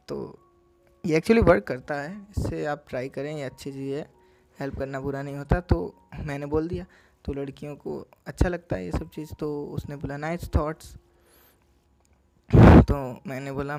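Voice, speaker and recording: Male host, somewhat high-pitched, casual tutorial read, chuckles between lines, faint music bed. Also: creaky, darkish tone. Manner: reads out chat messages, chuckling between them. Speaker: dating tips video host.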